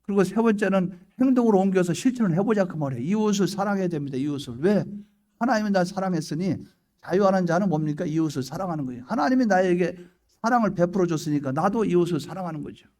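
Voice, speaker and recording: A middle-aged man preaching a sermon as pastor, moving between hushed prayer and loud questions to the congregation, acting out little scenes in his own voice. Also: high-pitched, animated, quick pace.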